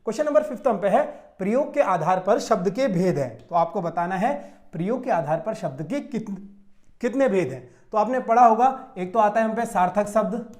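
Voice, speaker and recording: A man's voice: high-pitched, animated, normal speed, a little mellow. A man from Uttarakhand teaching an exam-prep lesson in Hindi, explaining step by step and checking in often with his students. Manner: explains step by step, with frequent "theek hai" checks.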